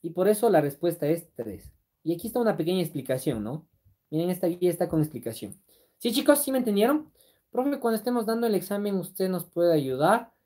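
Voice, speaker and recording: Lively woman teaching math. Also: deep voice. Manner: explains step by step, keeps checking in with "¿sí?"; reads viewer comments aloud and answers them. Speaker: math exam-prep teacher. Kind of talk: live-streamed lesson.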